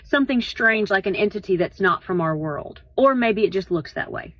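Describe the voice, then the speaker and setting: A woman's voice: mid-range voice, lively intonation, normal speed, fairly bright tone, no room sound. A woman reading scripted narration for an online video, addressing the viewer.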